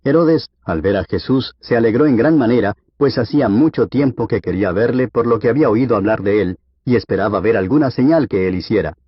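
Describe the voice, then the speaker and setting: A man reading scripture aloud for an audiobook in a steady, measured way. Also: medium pitch, husky, no room sound. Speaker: Bible reader. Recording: dull, lo-fi dry recording.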